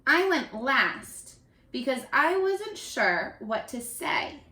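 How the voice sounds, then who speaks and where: In a living room with noticeable echo, a primary school teacher whose voice sits high leads young children through an interactive story reading. She stays lively and encouraging, regularly breaking to ask questions and wait for responses.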